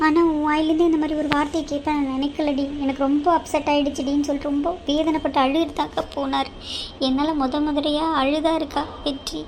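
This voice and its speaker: A woman's voice: high voice, little pitch movement, fast, darkish tone, a little hiss or hum, natural voice. A woman voicing a young, emotional wife in a cartoon drama, pleading and devoted to her husband. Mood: tearful.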